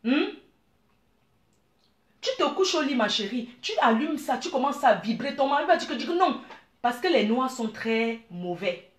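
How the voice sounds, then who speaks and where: A middle-aged woman from Cameroon, giving blunt, animated advice and calling her listeners dear. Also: fairly high pitch, normal speed, pauses often, roomy sound. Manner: blunt, animated, calls listeners "maman" and "ma chérie". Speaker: business owner. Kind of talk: frank advice monologue.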